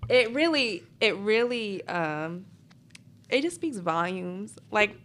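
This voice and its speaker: A young adult woman co-hosting a podcast, talking in a soft, reflective and emotional way. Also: medium pitch, animated, slow pace. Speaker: podcast co-host. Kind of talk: casual chat.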